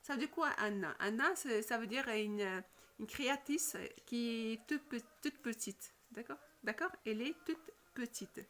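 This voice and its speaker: Woman teacher, slightly high, unhurried, patient phonics lesson for kids. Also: fairly bright tone. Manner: slow, patient, repeats questions and checks with "d'accord?".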